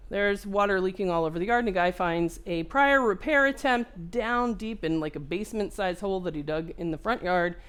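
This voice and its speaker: A woman's voice: on the low side, smooth. A woman running a hands-on repair tutorial, chatting casually and jumping between a personal story and narrating each step of her work at the bench. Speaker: microsoldering repair technician and instructor. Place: repair workbench.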